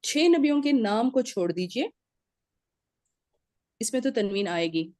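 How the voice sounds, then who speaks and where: A woman with a mellow, darker tone teaches a recorded Arabic grammar lecture. She explains step by step, drills word endings aloud and checks in often with short confirmations. Her voice sounds close and dry, with no room echo. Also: fairly high pitch, animated, unhurried.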